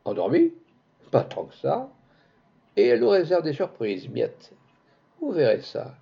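Guy doing an old general, assured and lively, gravelly, dull lo-fi recording. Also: a little high, unhurried, pitched above the performer's own voice, full character voice. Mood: amused. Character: old general, genial and confident.

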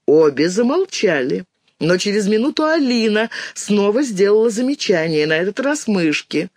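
A man narrating an audiobook in an even storytelling manner on a close mic. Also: high-pitched, normal speed, dry recording. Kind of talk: scripted narration.

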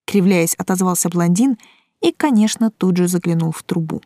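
A woman reading a first-person audiobook in a calm, dry, wry manner. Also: lowish voice, brisk, no echo. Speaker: audiobook narrator.

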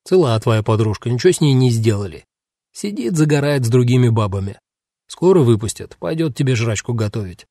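A man voicing a gruff, weary male guard who dismisses people in blunt street slang. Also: mid-range voice, animated, fairly quick, warm tone, dry recording, studio quality. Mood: dismissive.

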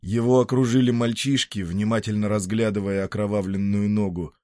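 A man reading a story aloud in a measured, even storytelling manner. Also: lowish voice, dry recording, studio quality. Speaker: narrator. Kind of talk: scripted narration of a story.

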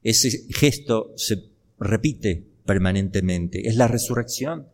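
A man's voice: on the low side, expressive, takes it slowly, a little mellow. An older man from Argentina, a priest delivering a homily, building emphasis with rhetorical questions.

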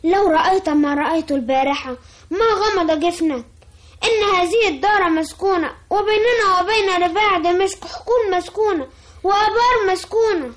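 A woman's voice: very high voice, a little fast. A woman playing a frightened young girl in a classical Arabic radio drama, urgent and pleading. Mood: insistent, fearful.

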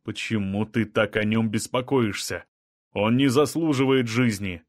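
Guy doing a calm blunt outsider dude in an audiobook, flat matter-of-fact, dead set. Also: on the low side, unhurried, dry recording, studio quality. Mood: cold resolve. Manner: level, matter-of-fact, cold resolve. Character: calm, blunt non-native man of another kind.

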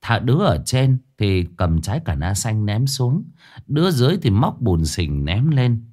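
A man telling a first-person ghost story in a lively, dramatic way. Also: medium pitch, unhurried. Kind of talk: scripted ghost story narration. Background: faint music.

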